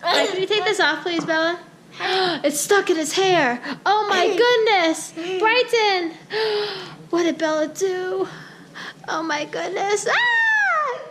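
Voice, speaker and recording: A woman, a mother filming her kids at home, narrating in a playful vlog style with lots of excited, laughing exclamations. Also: extremely high pitch, measured pace. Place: house, indoors.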